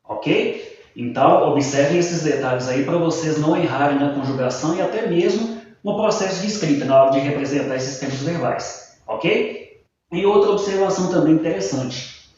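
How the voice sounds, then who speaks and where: A man's voice: a little high, normal speed, darkish tone. A man with a Brazilian Portuguese accent teaches grammar in a patient, explanatory way and keeps checking that listeners follow. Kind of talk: explanatory video lesson. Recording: echoey room, mic far off, dull sound.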